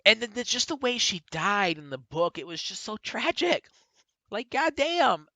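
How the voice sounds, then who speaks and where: A man talks through a casual review in a bright, edgy voice, looping back to correct himself and padding his sentences with fillers. The sound is dry and close, with no room around it. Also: sits high, very animated, a little slow, no room sound. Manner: rambling, self-correcting retelling with lots of fillers. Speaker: book and TV reviewer.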